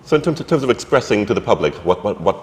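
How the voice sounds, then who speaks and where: A man's voice: on the low side, very animated, rapid-fire, darkish tone. A man interviewing a guest, asking leading questions that end in tags. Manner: leading questions with tag endings. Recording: reverberant hall with faint noise.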